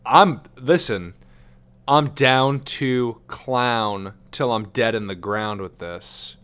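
A man co-hosting a podcast, talking casually with lots of swearing and excitable outbursts. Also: mid-range voice, takes it slowly, clear, resonant tone. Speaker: podcast co-host.

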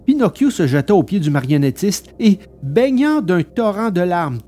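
A man narrating a storybook in an animated, expressive way. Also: sits high, normal speed, soft background music. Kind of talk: storybook reading.

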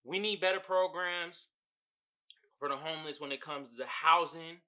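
A man hosting his own podcast, ranting in a casual, profane, animated way that rambles. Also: fairly high pitch, normal speed. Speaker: podcast host.

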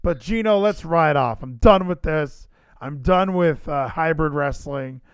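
A man's voice: on the high side, a little slow, clean tone, no room sound. A man hosting a podcast livestream in casual chat, rambling and emphatic, repeating phrases for effect. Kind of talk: casual wrestling show chat.

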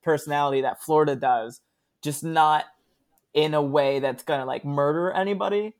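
A sketch comedian appears as an interview guest, chatting casually and telling stories in a relaxed way full of fillers. He laughs often, and his voice is on the high side at a normal speed.

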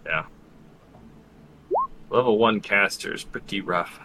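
A man's voice: on the low side, slow. A man playing a tabletop game, chatting casually about rules, with some noise in the recording. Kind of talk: casual chat.

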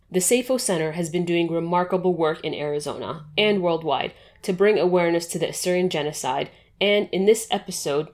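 A woman with a notably low voice hosts a podcast. She reads her introduction in a smooth, formal way, then talks more loosely as she asks questions. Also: darkish tone. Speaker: podcast host. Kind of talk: scripted intro then interview.

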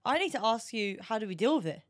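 A woman's voice: fairly high pitch, sing-song, fast, no echo, clean studio sound. A British woman co-hosting a podcast, chatting playfully and laughing often. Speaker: podcast co-host. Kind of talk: casual chat.

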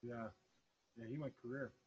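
A man co-hosting a podcast on a webcam by his windows, easygoing and halting. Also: mid-range voice, steady tone, darkish tone, dull audio. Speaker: podcast co-host. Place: room with big bay windows.

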